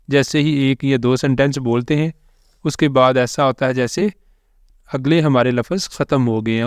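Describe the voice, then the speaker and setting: A man teaching English phrases, explaining in Urdu and saying each English line slowly, repeated for learners. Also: mid-range voice, a little mellow, no room sound, clean studio sound. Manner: says the English sentences very slowly and deliberately, repeating each twice.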